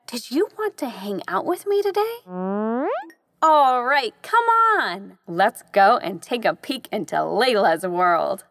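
A woman voicing a cheerful, eager little girl in a children's story, speaking brightly and bouncily. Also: fairly high pitch, sing-song, slow, dry recording, clean studio sound, exaggerated voice.

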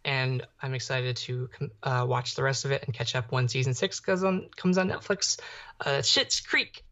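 A young adult man co-hosts a podcast, chatting casually and rambling with plenty of "like." His medium-pitched voice is bright and forceful at a moderate pace. The audio is slightly dull and muffled.

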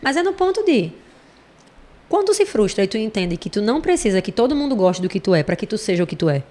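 Rapid-fire female psychologist guest. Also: medium pitch, sing-song, mellow. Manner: rapid, explanatory, with frequent tag questions. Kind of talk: casual conversational podcast.

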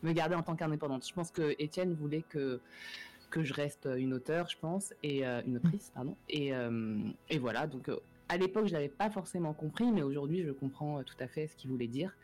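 A woman speaking casually as an interview guest about her work as an author, agreeable and lively. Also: low-pitched, fairly quick, soft background music.

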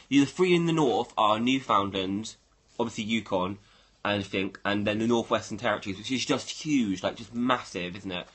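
A man's voice: mid-range voice, fairly bright tone, slightly rough. A man hosting a casual livestream, rambling and thinking aloud as he talks to his viewers. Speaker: livestream host.

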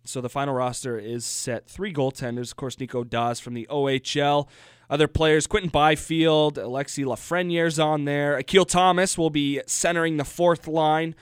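A man co-hosting a casual hockey talk show, getting animated when he argues a point. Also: a little high, normal speed, clean tone, no echo, clean studio sound. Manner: animated, gets worked up arguing. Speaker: podcast co-host.

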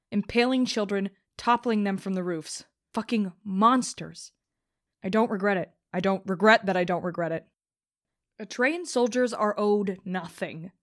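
A woman narrating an audiobook in the first person as a vengeful young rebel, bitter and contemptuous. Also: mid-range voice.

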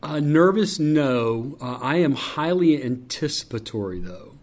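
A man with a deep voice, a public address announcer from North Carolina, telling stories in an interview. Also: animated, unhurried, a little mellow. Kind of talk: interview conversation.

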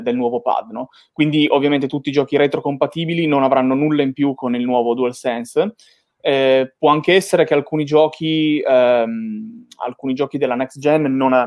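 A man's voice: medium pitch, darkish tone, dry recording. Man in casual discussion, very dry sound. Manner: rambling, often checks with "no?". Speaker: panelist on a video game talk show.

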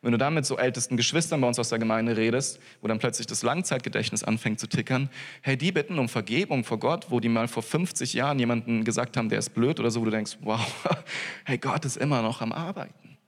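A man's voice: medium pitch, fast talker. A man preaching a casual sermon, talking in a loose, conversational way with frequent asides and small jokes. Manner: conversational, many fillers and "hey" asides, jokey. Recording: long reverb of a church hall.

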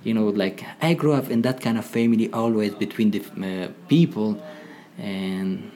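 A man with an Afghan accent, a former commando speaking as a podcast guest in halting English full of pauses and restarts. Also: fairly low pitch, mellow, slight background noise. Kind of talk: conversational interview.

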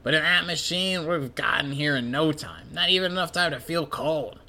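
Here is a crude, snot-nosed henchman who needles everyone in a gravelly, mocking drawl, as a man puts him on for a comic read-along. His voice is bright, sharp and rough with fry, and it sits a little higher than a plain speaking voice. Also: normal speed, exaggerated voice. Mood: boastful. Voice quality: gravelly, coughing. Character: crude, snotty, gloating male henchman, adult. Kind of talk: manga read-along voice acting.

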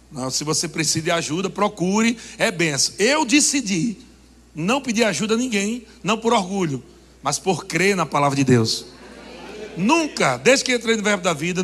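Man preaching, husky, high voice, long hall reverb. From Brazil. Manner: animated, joking, laughing with the congregation. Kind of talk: sermon. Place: church hall.

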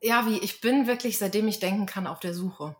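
A woman from Germany, an astrologer and tarot reader, a guest in an interview, telling stories in an animated way with frequent fillers. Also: mid-range voice, a little fast. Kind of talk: casual interview conversation.

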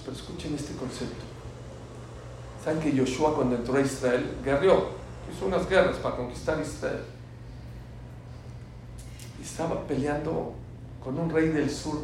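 A man teaching a sermon full of stories, swinging between soft asides and loud emphatic bursts. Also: medium pitch. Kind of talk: sermon with storytelling. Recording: very echoey room from far off, faint hiss.

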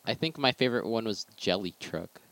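A laid-back young man chats about games with easy enthusiasm. His voice sits somewhat low. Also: animated, a little fast, fairly bright tone, no echo. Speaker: podcast co-host. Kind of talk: casual chat about video games.

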